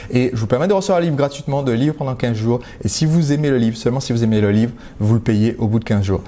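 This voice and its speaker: French man, live-stream host; warm, mellow delivery, direct and chatty, restarts often. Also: medium pitch, fast talker. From France. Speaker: entrepreneur hosting a live stream. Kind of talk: casual live-stream talk.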